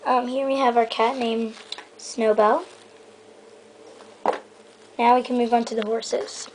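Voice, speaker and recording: Speaking slowly in a high, somewhat mellow voice with little pitch movement, a young woman shows off her toy horse stable in a rambling, casual vlog. Fillers like "um" and "so yeah" come up often. It was shot on a bedroom floor with a handheld camera mic, giving low-quality audio with slight background noise.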